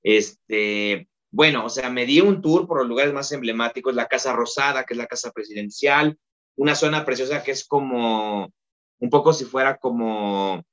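Mexican man, podcast guest, animated storyteller, slightly dull lo-fi sound. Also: medium pitch, moderate pace. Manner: lively storyteller, many fillers like "este". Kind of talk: casual interview chat.

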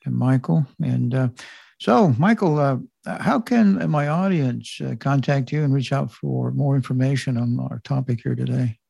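A man hosting a casual interview in a folksy, halting way. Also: mid-range voice, vocal fry, dark tone, breathy edge, no room sound. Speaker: podcast host.

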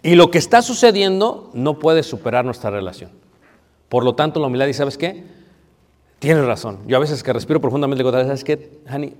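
A man's voice: medium pitch, lively intonation, normal speed, a little mellow. A man preaching a marriage sermon, conversational and playful, asking the audience questions. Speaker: pastor. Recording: long reverb of a hall.

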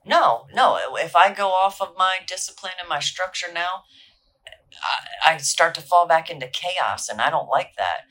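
Bright-voiced woman chatting earnestly. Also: fairly low pitch, expressive, normal speed. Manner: earnest, chatty, many fillers and laughs. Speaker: podcast guest, recovery alumni coordinator. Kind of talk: casual interview chat.

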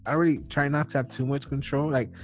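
A podcast host in his early thirties chats casually and rambles, with lots of fillers and restarts. His mid-range voice stays level, and he talks fast.

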